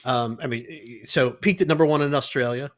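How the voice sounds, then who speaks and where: A man's voice: medium pitch, moderate pace. A man co-hosting a music podcast, teasing his co-host and running through facts in a casual, playful way.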